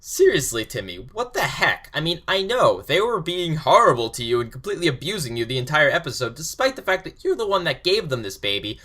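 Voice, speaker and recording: A man's voice: fairly high pitch, sing-song, brisk, hardly any pauses, bright, forceful tone. A man of about twenty reviewing a cartoon episode in an exasperated, sarcastic rant.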